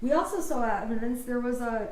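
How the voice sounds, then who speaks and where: A woman's voice: a little high, a little fast. An American woman, a defense attorney, delivering a passionate, emphatic closing argument in court. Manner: passionate, emphatic, insistent arguing. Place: indoor courtroom. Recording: echoey courtroom with background noise.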